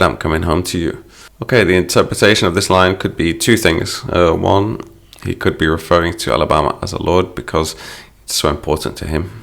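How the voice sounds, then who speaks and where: Male English teacher, low gravelly voice, patient explainer, walks through song lyrics. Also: fairly bright tone.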